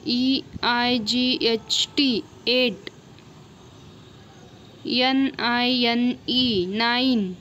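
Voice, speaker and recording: A woman's voice: a little high, steady tone, drawn-out words, pauses often, a bit bright, dull audio, a little hiss or hum. A woman with a Maharashtrian Indian accent teaching a simple lesson, explaining as if to a young child.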